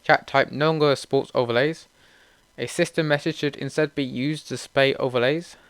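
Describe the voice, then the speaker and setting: A young man reads a list of game update notes aloud, steady and matter-of-fact, with relaxed asides in between. His voice is smooth and clear, and the recording is dry and close with no room sound. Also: medium pitch, moderate pace, dry recording. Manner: steady read-through with casual asides. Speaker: gaming channel host. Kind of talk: reading out patch notes.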